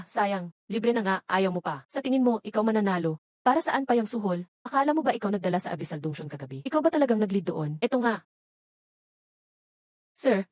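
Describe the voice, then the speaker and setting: A woman's voice: medium pitch, a little mellow, no room sound. A woman reading all the roles of a dubbed short drama in one voice.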